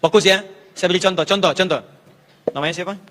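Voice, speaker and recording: A man's voice: high voice, steady tone, fast, sharp tone, slight background noise. A man preaching at a live question session, teaching pronunciation with playful repeated drills. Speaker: Islamic preacher answering audience questions. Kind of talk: live Q&A lecture with audience demonstration. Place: large lecture hall with audience. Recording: long hall reverb.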